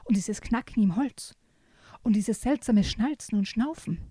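A woman's voice: a little high, unhurried, mellow, slightly rough, no room sound, clean studio sound. A woman voicing a grumpy, fearful young man alone in a forest, muttering to himself in a storybook reading. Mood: uneasy.

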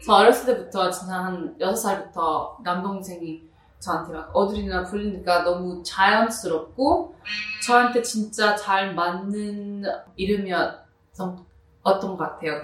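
A woman from New Jersey with a Korean American accent and native English, answering interview questions casually and haltingly, slipping between languages. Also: mid-range voice. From New Jersey, United States. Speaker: musician being interviewed. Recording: roomy echo, distant microphone.

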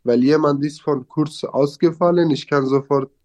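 In a casual interview, a young Syrian man speaks German as a learned language with a Syrian Arabic accent, hesitating and making grammar slips. His voice is on the high side, steady and slightly mellow at a normal speed, captured with lo-fi sound.

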